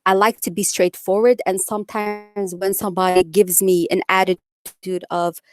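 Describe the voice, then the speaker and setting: At a medium pitch and normal speed, keeping her tone level, a young woman with a Dutch accent talks bluntly to live-stream viewers and reads out what they comment. She's from the Netherlands and outspoken, saying it like it is.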